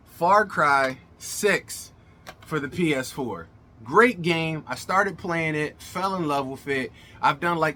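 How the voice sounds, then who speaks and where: This gaming channel host, a middle-aged man, delivers a casual vlog monologue to his audience with a showman's emphatic, slangy flair. The voice sits a little high and sounds bright and forceful, with a faint hiss or hum. His speech is slightly slurred, like someone with a swollen mouth.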